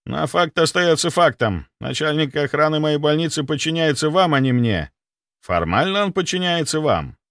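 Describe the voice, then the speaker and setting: A man's voice: lively intonation, moderate pace, fairly bright tone, no room sound, clean studio sound. A man voicing a panicky middle-aged male clinic director who talks in an anxious, pleading rush. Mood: wary. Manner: anxious, pleading, high-strung.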